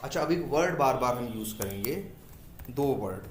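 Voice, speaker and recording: In an echoey classroom, a male software testing instructor lectures in an expressive, medium-pitched voice at a moderate pace. He blends English technical terms into his Hindi, poses questions to students before answering them himself, and repeats key terms.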